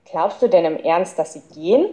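Eine Frau spielt den besonnenen Jungen „Professor“. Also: female voice, lowish voice, animated, normal speed, warm tone, natural voice. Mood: calm. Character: clever, level-headed boy nicknamed Professor.

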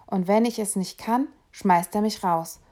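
A woman's voice: medium pitch, a little slow, warm tone, natural voice. A woman reading aloud, voicing a worried young boy who pleads and stammers with a raised, earnest voice. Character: young boy alone in the big city, anxious but proud. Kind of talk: audiobook reading.

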